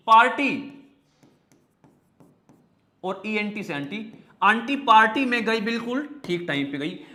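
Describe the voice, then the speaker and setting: A man's voice: sits high, bright, forceful tone, reverberant. A man teaching an online vocabulary class in a joking, chatty way, using memory tricks and talking to viewers.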